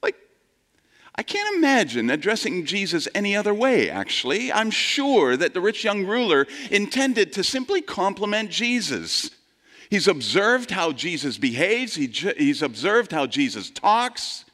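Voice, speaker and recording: A man's voice: sing-song, unhurried, fairly bright tone. A man preaching a sermon in a conversational way, quizzing the congregation and acting out quoted voices. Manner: conversational, asks the congregation questions; plays out quoted voices with big shifts in pitch. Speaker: pastor.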